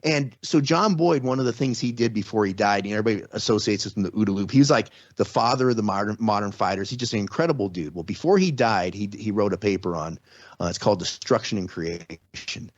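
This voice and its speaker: A man of about forty to fifty-something guests on a podcast, earnestly explaining ideas in casual talk riddled with restarts. His voice sits lowish and moves at a quick pace, heard through a dry, slightly dull lo-fi recording.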